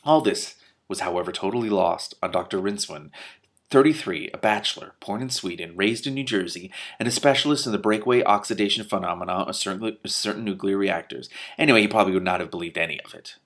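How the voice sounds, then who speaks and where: Loud, incredulous swearing keeps cutting into this man's reading of a comic novel, which he narrates with commentary while stumbling and restarting on words. His voice is deep and he talks fast.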